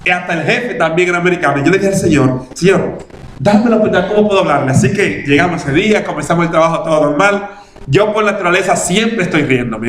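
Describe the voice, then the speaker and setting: A man's voice: high voice, slight background noise. A man pastor, preaching a storytelling sermon in a church and acting out past conversations. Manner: animated, laughing testimony, acting out past conversations. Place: church in Massachusetts. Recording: echoey church hall, faint room ambience.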